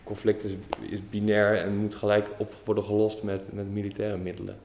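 A male interviewer calmly summarizing and adding to his guest's points. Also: on the low side, brisk, slight background noise. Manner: calm, summarizing, with short agreeing replies. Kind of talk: conversational interview. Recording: roomy echo.

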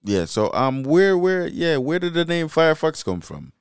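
Guy asking questions in a chill interview, smooth voice, stumbles and restarts a lot, faint music. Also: on the high side, big pitch swings, no echo. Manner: halting, restarts and stacks fillers. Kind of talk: casual interview chat.

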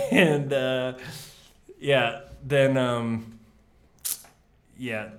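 A young man in casual podcast chat with his partner, relaxed and laughing often, swearing freely. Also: medium pitch. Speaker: podcast co-host.

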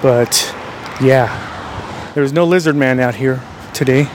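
A man hosts a paranormal vlog outdoors at night, short of breath and rambling with fillers and restarts. His voice sits in an ordinary middle pitch. Faint traffic hums behind him. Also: takes it slowly. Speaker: paranormal vlogger. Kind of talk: casual chat. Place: outdoors at night by a busy road.

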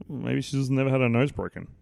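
A man's voice: medium pitch, fast talker, creaky, darkish tone, no echo, studio quality. A man hosting a podcast, chatting casually in a joking, playful, rambling way while he watches a film. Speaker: podcast host. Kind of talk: casual chat.

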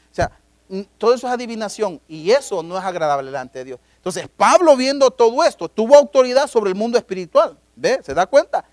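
Brief: middle-aged pastor, high voice, dry close sound, emphatic preaching that swings loud and low. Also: male voice, dry recording. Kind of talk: sermon.

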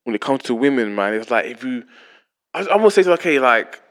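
A man's voice: mid-range voice, very animated. A man, chatting casually and stumbling over repeated words as he makes his point. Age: late 20s. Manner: halting, stammers and repeats words while making points. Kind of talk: casual chat.

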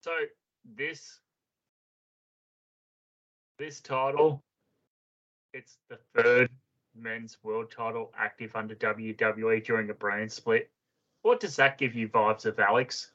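A man with a bright, forceful voice talks casually on a remote call. His audio keeps glitching and dropping out, and the dull, lo-fi line swallows parts of his words. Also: mid-range voice, steady tone, takes it slowly, long pauses. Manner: rambling, restarts and fillers. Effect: glitching audio that keeps cutting out. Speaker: podcast co-host. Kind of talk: casual chat about wrestling.

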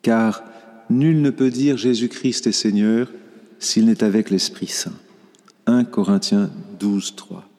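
A man preaching a sermon as a priest, slow and reflective, often restarting his phrases. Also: fairly low pitch, steady tone, warm tone, in a large hall.

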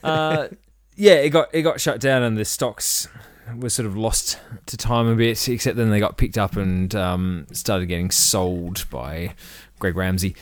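A man's voice: on the low side, measured pace, hardly any pauses, no echo. Easygoing male podcast co-host, dry. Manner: easygoing, punning, chuckling. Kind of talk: casual chat.

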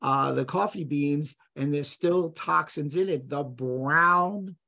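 A man's voice: fairly high pitch, slow pace, vocal fry, bright, forceful tone. A man speaking as a guest on a podcast, explaining food and health in an emphatic, blunt, lecturing way. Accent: none, trained out of New York accent. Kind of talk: conversational podcast interview.

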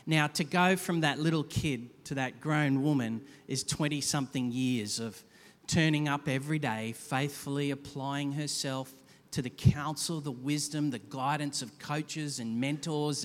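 A man pastor giving a conversational, animated sermon with quick asides to a congregation. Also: medium pitch. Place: church hall. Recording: long hall reverb.

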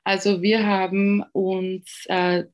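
A woman from Ghana, a guest answering interview questions in a measured, thoughtful way with frequent pauses to find words. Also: mid-range voice, little pitch movement. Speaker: guest, education researcher.

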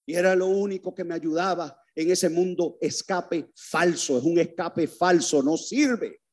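Male priest, sermon with testimony, slightly high voice, hushed then loud bursts. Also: a little slow. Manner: swings from hushed to loud outbursts.

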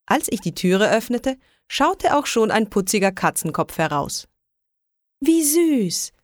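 A woman reading a children's story aloud in a lively, expressive way. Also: medium pitch, no echo, clean studio sound. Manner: lively, expressive reading with raised voices for quoted calls. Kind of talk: scripted children's story narration.

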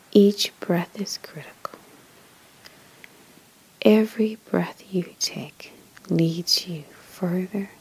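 A woman leading a guided meditation in a soft, whispery spa-like voice, soothing and measured, with pauses between short phrases. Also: lowish voice, husky, rough recording.

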